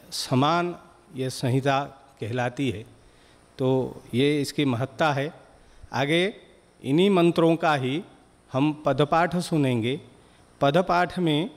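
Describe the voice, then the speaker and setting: A man giving a spiritual discourse to a gathering, explaining patiently in short, measured phrases. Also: a little high, big-room sound. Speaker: spiritual teacher.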